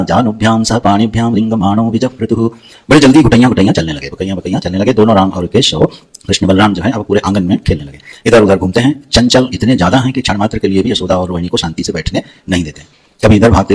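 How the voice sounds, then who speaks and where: A man giving a devotional sermon. He tells scripture stories in a fast, animated way and chants Sanskrit verses. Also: on the low side, breathy edge. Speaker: preacher telling scripture stories.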